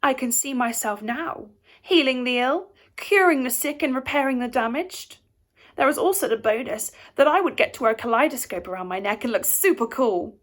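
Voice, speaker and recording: A naive storybook boy with big dreams, as a woman reader puts him on. He speaks earnestly and brightly. The pitch is high and lively. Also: moderate pace. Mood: dreamy. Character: eager, naive young boy chasing greatness.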